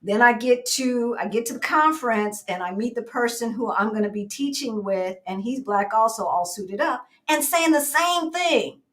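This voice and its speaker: A woman's voice: a little high, expressive, normal speed, hardly any pauses. A woman with an American accent hosting a casual live chat in a folksy, chatty way, often repeating her phrases. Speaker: host.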